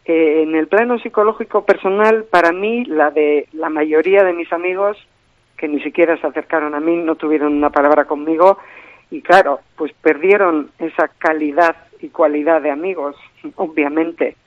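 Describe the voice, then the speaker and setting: A woman's voice: deep voice, steady tone, moderate pace, no room sound. A woman speaking as a spokesperson for a victims' group, a guest on a radio interview by phone, earnest and emphatic, repeating key phrases. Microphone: telephone. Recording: tinny phone line.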